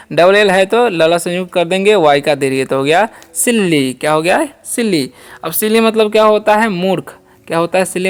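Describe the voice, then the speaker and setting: A man's voice: high voice, clear, resonant tone. A man teaching a beginners' spoken English lesson, explaining word by word and asking and answering his own questions. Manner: often adds "ठीक है" checks.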